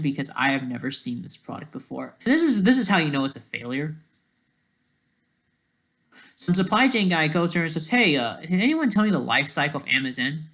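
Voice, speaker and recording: Rambling and unscripted, this commentary comes out halting and sarcastic, with mid-thought restarts and regular questioning tags. The voice is medium in pitch and a bit bright.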